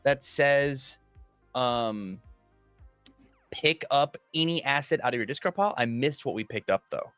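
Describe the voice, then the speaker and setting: A man's voice: mid-range voice, measured pace, smooth, dry recording, soft background music. A man co-commentating a card game tournament live, talking casually and eagerly, often restarting his sentences. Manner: casual, eager, stumbles and restarts when excited.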